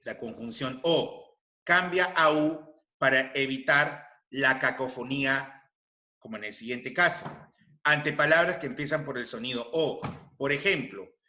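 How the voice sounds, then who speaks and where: A man teaching a recorded grammar lesson, speaking slowly and deliberately, repeating each example with emphasis and asking his students rhetorical questions. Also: medium pitch, pushed and bright, echoey room. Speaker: language teacher.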